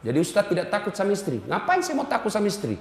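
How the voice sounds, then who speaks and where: High-voiced preacher guy, teasing the crowd, big echoey hall. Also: very fast, a little hiss or hum. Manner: animated, teasing, addresses the audience directly. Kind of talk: humorous sermon.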